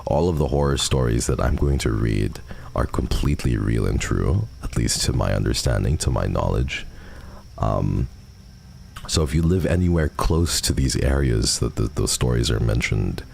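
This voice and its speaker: Speaking into a close microphone, this livestreamer answers viewer messages in a relaxed chat. His voice rumbles low with vocal fry and a darkish tone, over faint background noise.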